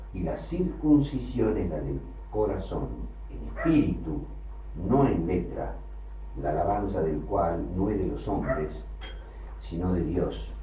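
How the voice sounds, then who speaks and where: A man's voice: low voice, warm tone. A man teaching a sermon on the Bible, building his points through repeated phrases and rising emphasis. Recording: distant, roomy, dull lo-fi with faint hiss.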